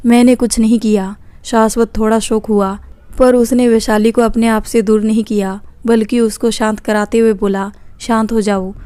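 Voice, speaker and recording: A woman storyteller reading a scripted story in a calm, even manner. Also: on the high side, clear, resonant tone, no room sound.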